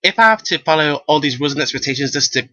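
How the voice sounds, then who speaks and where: Give me a sassy young man vlogging at home, with a sharp, bright, slightly high voice. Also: rapid-fire. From England. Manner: animated and sassy, often says "girl". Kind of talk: casual ranting to camera.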